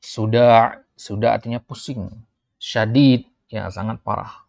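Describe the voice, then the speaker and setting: A man teaching an Arabic textbook dialogue in class style, reading the Arabic lines slowly and then translating and explaining them. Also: fairly even intonation, creaky, darkish tone, no echo. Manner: lifts his voice when reading quotes, drops low for asides. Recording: dull, muffled dry recording.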